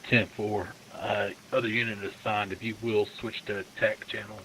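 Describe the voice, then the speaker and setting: A man's voice: on the low side, little pitch movement, normal speed, bright, forceful tone, slight background noise, low-quality recording. A man playing a police unit, talking tersely over police radio in a role-play.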